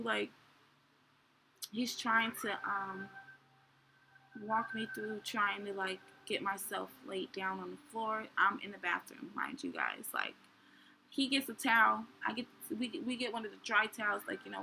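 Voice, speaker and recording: A woman's voice: medium pitch, gravelly, bright, forceful tone, a little hiss or hum, rough recording. A young woman hosting a show, telling her own story candidly in a rambling way with many fillers. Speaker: podcast host. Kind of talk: personal storytelling.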